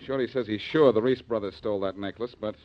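A man's voice: fairly low pitch, quick pace. An actor playing a tough, wisecracking male adventurer in 1940s radio-drama style, with cocky, needling banter, heard as an old radio show broadcast. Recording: dull lo-fi vintage radio recording.

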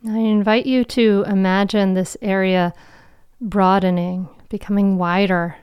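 A woman guiding a meditation in a soft, soothing, slow voice with long pauses, breathy and trailing toward a whisper. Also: medium pitch, steady tone, no room sound, lo-fi sound. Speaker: meditation guide and show host. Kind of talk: guided meditation.

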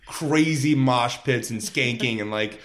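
A man's voice: mid-range voice, a little slow, background noise. A man from Las Vegas, a musician guest in a casual interview, telling stories in a rambling way with many fillers. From Las Vegas, United States.

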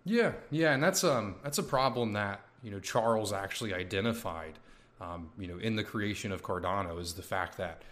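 Casual podcast host, lowish male voice. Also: normal speed. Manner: relaxed, filler-heavy talk with many "you know"s. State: sore mouth from a tooth coming in.

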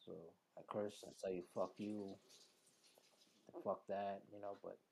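Male show host, low mellow voice, streetwise bilingual slang, casual chat, faint noise behind. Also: monotone, slow, vocal fry. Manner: streetwise, slangy, sprinkles in Spanish. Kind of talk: casual conversational interview talk.

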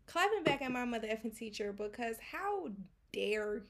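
A woman's voice: on the high side, very animated, normal speed, a bit bright. A young American woman co-hosting a podcast, talking casually and venting in everyday slang. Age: young adult. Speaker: podcast co-host, student.

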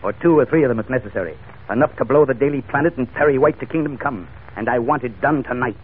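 An actor playing a grim, domineering middle-aged crime boss with an American accent in 1940s radio style, curt and menacing. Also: male voice, mid-range voice, quick pace, slightly rough, lightly acted. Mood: cold, scheming. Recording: narrow, noisy old radio recording.

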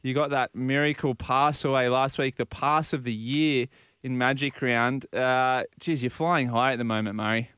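A man's voice: mid-range voice, fairly even intonation, normal speed, a bit bright, smooth, no room sound, studio quality. An Australian man hosting a sports show, interviewing a guest in an easygoing, informal style. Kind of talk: casual interviewing.

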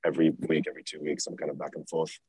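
A young man from England, a guest in a casual interview, talking in a relaxed, rambling way with lots of fillers. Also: extremely low pitch, racing, husky, no room sound, low-quality recording. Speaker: guest, clothing brand founder.

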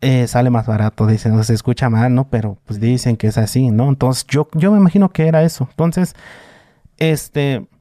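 Mexican man, twenties, mellow low-toned voice, dry close sound, rambling storyteller with lots of "este". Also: moderate pace, dry recording. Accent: Mexican Spanish. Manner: many fillers, vivid retelling. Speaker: guest. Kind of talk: casual storytelling.

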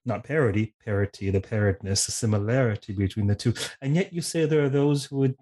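A man's voice: on the low side, fast talker, dark tone. A man hosting an academic interview, asking long, searching questions full of fillers and restarts. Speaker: interview host.

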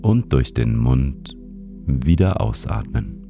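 A man narrating a sleep meditation like a bedtime story narrator, guiding the listener gently and soothingly. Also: very deep voice, sing-song, takes it slowly, gravelly. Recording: music behind the voice. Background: music.

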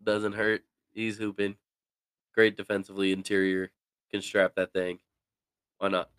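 A man's voice: on the low side, level tone, measured pace, a bit bright, clean tone, no echo. A young man co-hosting a casual sports podcast, answering in a laid-back, joking, slangy way. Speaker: podcast co-host.

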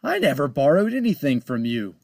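A man doing a high, excitable pirate captain. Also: brisk, gravelly, no room sound, studio quality, heavily acted. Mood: defiant. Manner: raised, excited, pitching up sharply. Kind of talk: storybook read-aloud.

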